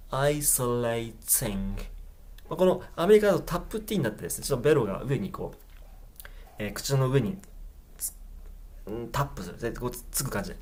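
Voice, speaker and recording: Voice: mid-range voice, a little mellow, breathy edge. Japanese English teacher drilling pronunciation. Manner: repeats phrases very slowly, then explains casually. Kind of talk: pronunciation lesson.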